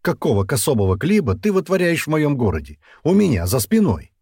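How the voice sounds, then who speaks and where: A man voicing a gruff, grumbling male night boss who curses and shouts, in an audiobook. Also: fairly low pitch, sing-song, normal speed, no room sound, clean studio sound, pitched above the performer's own voice. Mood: furious. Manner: rough, cursing, shouting.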